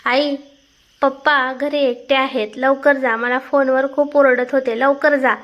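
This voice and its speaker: A woman reading a story aloud and voicing a gentle, anxious young man who speaks slower and softer. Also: high voice, flat delivery, muffled recording.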